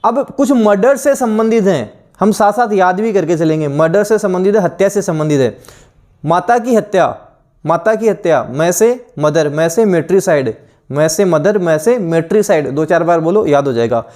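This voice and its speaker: A man's voice: high voice, expressive, a little mellow. A young Indian man teaching an online exam-prep lesson, repeating each answer and asking rhetorical questions. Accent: Indian English. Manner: drilling repetition, rhetorical questions, slow deliberate reading of definitions.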